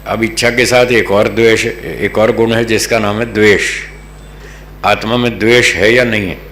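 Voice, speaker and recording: A man from North India teaching a patient, slow scripture lesson to a live group, often checking that they follow. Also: fairly low pitch, fairly even intonation, fairly bright tone. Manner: patient, checks understanding with the audience. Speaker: religious teacher. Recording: echoey room, faint hum.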